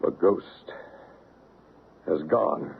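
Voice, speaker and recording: In an old-time radio drama, an actor with a rumbling low voice and vocal fry plays an earnest, solemn man leading a séance, speaking very slowly, intently and probingly, in a heavily acted style. The old radio recording sounds narrow and noisy.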